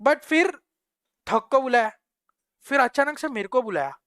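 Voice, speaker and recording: A young man with a Mumbai Hindi accent, a live streamer excitedly telling his chat a slangy, animated story. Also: very high voice, a little slow, no room sound, studio quality.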